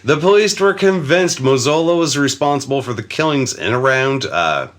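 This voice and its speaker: Lively swearing male podcast narrator. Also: medium pitch, moderate pace. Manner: swears freely, laughs, mock-voices the killer. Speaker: podcast co-host narrating a case. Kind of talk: casual true-crime podcast chat.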